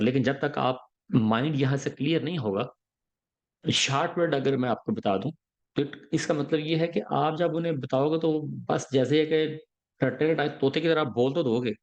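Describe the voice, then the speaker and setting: A man's voice: mid-range voice, a little mellow, lo-fi sound. A man giving explanatory podcast advice on engineering job interviews, walking through points step by step and often checking in with the listener.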